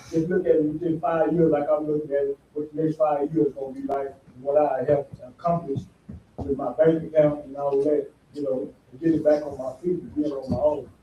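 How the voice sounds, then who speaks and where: A man in his fifties giving a plain, halting testimony to a recovery group, pausing often. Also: fairly high pitch, dark tone, roomy sound, far from the mic, muffled recording, a little hiss or hum. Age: 50s. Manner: plain, halting, repeats himself with many "uh"s. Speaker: recovery house resident. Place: recovery house meeting room.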